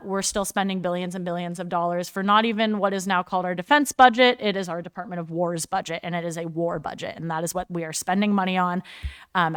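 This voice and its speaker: A woman in her thirties, a city council member, giving measured, earnest remarks with frequent ums. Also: medium pitch, a bit bright, smooth, no echo.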